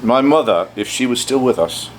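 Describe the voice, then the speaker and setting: A man's voice: mid-range voice, lively intonation, moderate pace, slight background noise. A man, a studio producer, chatting casually with dry, rambling jokes. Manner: dry, joking, rambling asides. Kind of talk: casual interview chat.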